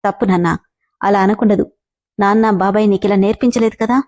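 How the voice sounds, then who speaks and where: A woman's voice: medium pitch, level tone, brisk, darkish tone, close to an everyday voice. A woman voicing a grieving, devoted mother in a spoken story, talking in a tender, pleading way. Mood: soothing.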